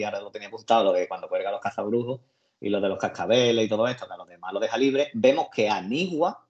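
A man with a Spain Spanish accent chatting casually as a podcast co-host, rambling through scenes in colloquial slang. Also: fairly low pitch. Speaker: podcast co-host discussing a series. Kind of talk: casual chat. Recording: muffled lo-fi recording.

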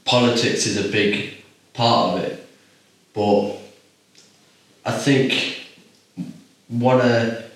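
A man in his twenties, originally from Iraq, tells his story in a low, measured voice, pausing often with ums as he gathers his thoughts. He sits well back from the microphone, and the room rings with strong echo. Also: fairly even intonation. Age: 20s. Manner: measured, reflective, pauses with ums. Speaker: podcast guest. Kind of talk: casual interview. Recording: echoey room, far from the mic.

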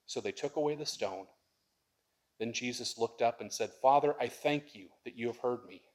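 A man pastor preaching a sermon in a conversational way, rising to loud, impassioned lines when reading scripture and pleading. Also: mid-range voice, normal speed.

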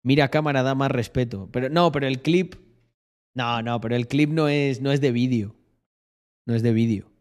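A man's voice: mid-range voice, normal speed. A young man with a Spain Spanish accent chatting casually on a live stream, joking and laughing at himself. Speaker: streamer and podcast host.

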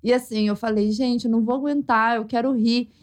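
Woman, Brazilian accent, podcast co-host, casual storytelling, slightly high voice. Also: brisk. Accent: Brazilian Portuguese. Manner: animated storyteller, acts out quoted voices. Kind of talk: casual chat.

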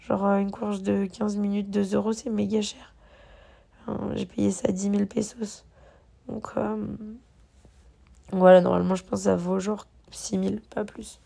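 A young woman chats through her travel vlog in a loose, rambling way, filling her talk with hesitations and restarts. Her voice has a strong gravelly fry, and she has a slight cough because she is a bit under the weather. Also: mid-range voice, dark tone. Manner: rambling, many fillers and restarts. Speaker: travel vlogger. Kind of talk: casual travel diary vlog.

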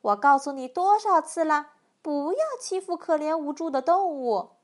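A woman's voice: a little high, animated, moderate pace, darkish tone. A woman reading a storybook voices a small frail old woman who shrieks her exclamations and scolds. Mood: scolding.

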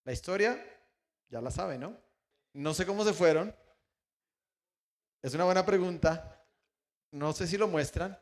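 A man preaching a sermon as pastor, retelling stories and acting out the dialogue in lively voices. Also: sits high, measured pace, pauses often. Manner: animated storytelling with acted-out dialogue.

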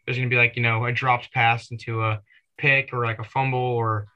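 A man's voice: mid-range voice, flat delivery, brisk, sharp tone, dull audio. A man co-hosting a casual sports podcast who rambles through his takes with lots of fillers. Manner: rambling, full of "you know" fillers. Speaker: podcast co-host.

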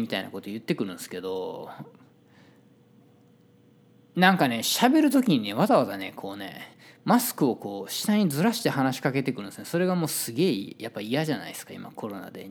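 Animated Kansai-accented man telling stories. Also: medium pitch, fast, vocal fry, slightly rough. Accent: Kansai Japanese. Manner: chatty, animated, acts out quoted voices. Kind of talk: casual storytelling monologue.

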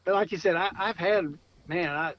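A man's voice: high voice, normal speed, no room sound, muffled recording. A man from Michigan talking casually about hunting gear, rambling and repeating words, laughing often. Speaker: podcast guest, coon hunter. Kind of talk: casual chat.

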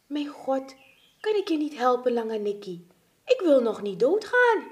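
A woman's voice: on the high side, sing-song, takes it slowly, darkish tone. A woman voicing a frightened baby boy with big ears, pleading fearfully.

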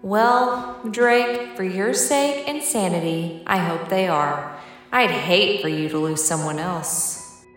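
A woman's voice: on the low side, soft background music. Echo-drenched taunting ghostly dead wife, acted by a woman. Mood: coldly taunting. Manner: slow, mocking, menacing. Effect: heavy ghostly reverb. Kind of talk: audio drama acting. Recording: very echoey long reverb.

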